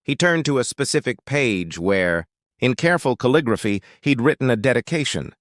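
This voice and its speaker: A man narrating a romantic story in smooth, measured scripted narration. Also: mid-range voice, lively intonation, a bit bright, no room sound, clean studio sound.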